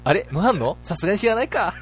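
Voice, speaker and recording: Brief: a bossy, easily baffled male teacher read by a man, fairly high, lively voice, faint music behind. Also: fast talker, slightly rough, full character voice. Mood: teacherly. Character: flustered male schoolteacher leading a game.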